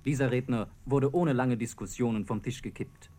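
A man's voice: medium pitch, normal speed, dark tone. Man narrating a radio documentary. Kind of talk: scripted narration.

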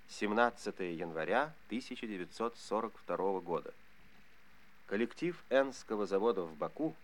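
A man reading scripted wartime bulletins as an announcer, formal and solemn. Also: medium pitch.

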